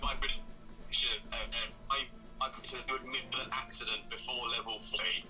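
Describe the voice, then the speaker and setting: A man joining as a guest over a crackly, low-quality remote line, chatting casually and hesitantly with many fillers and repeated words. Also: flat delivery, normal speed. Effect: crackly, low-quality remote call line. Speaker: guest commentator. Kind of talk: casual chat over gameplay. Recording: crackly distant call line with loud music behind.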